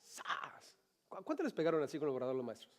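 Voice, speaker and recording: A pastor delivering a lively sermon, his voice sitting a little high for a man. He keeps turning to the congregation with rhetorical questions and mixes in playful, joking asides. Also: rapid-fire.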